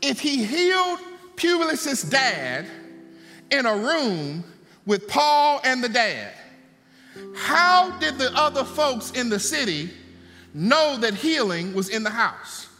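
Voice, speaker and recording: A man's voice: very high-pitched, sing-song, slow pace, sharp tone. A man preaching a sermon, mixing fervent preaching with folksy asides to the congregation. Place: church sanctuary. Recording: long hall reverb, faint music.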